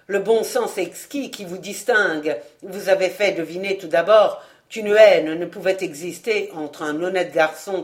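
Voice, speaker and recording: A woman reading aloud, voicing an insolent male valet who speaks calmly and mockingly. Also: on the low side, close to an everyday voice. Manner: mocking, unhurried, calm.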